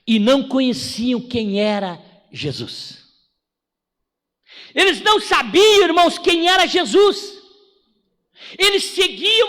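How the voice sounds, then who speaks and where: A man preaching a sermon with a Brazilian Portuguese accent, often rising to impassioned shouting. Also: very high-pitched, long reverb tail. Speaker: pastor.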